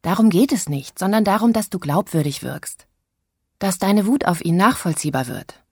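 A woman's voice: lowish voice, moderate pace, husky, no echo, studio quality, voice pushed up. Grace, a woman doing a bossy eager young girl. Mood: coaching. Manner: coaching, insistent, animated.

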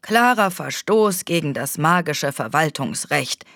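A woman's voice: deep voice, animated, a little slow, fairly bright tone, no room sound, studio quality, heavily acted. A woman reading an audiobook, voicing a grumpy male secret agent with a cold who growls and grumbles his lines.

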